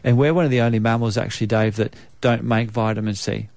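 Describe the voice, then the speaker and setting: A man with a New Zealand accent speaking as a naturopath guest, explaining in a measured way with frequent ums. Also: lowish voice, fairly even intonation, creaky, a little mellow, dry recording. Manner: measured, explanatory, many um fillers. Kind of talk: conversational expert interview.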